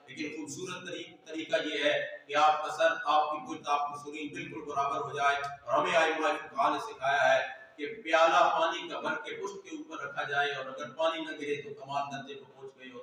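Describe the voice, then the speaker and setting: A man giving a sermon as an Islamic scholar, emphatic, at times shouting or drawing phrases out in a sung way. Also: fairly high pitch. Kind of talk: sermon on prayer rules. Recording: echoey hall from far off.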